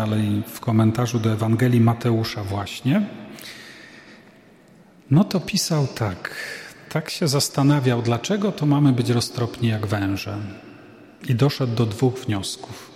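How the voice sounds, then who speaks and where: Slow-talking man in an echoey hall. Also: medium pitch, a little mellow. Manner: unhurried and conversational, with asides. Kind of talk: sermon-like talk.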